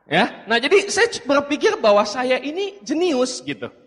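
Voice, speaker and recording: Animated high-voiced man in a hall. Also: normal speed. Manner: animated, acts out dialogue, keeps addressing the audience. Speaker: seminar speaker. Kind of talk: motivational seminar talk with storytelling. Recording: reverberant hall.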